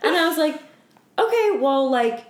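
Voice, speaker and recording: Tired after a sleepless night, a woman with a high, very animated voice co-hosts a podcast at a normal pace. She chats and tells stories with friends in a casual, playful, giggly way, swearing now and then, from a room at home with an echoey sound.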